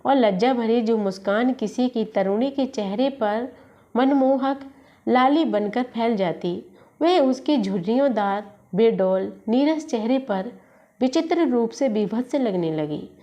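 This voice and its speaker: A woman with a fairly high voice reads a literary short story aloud, steady and measured. The recording sounds dull and lo-fi.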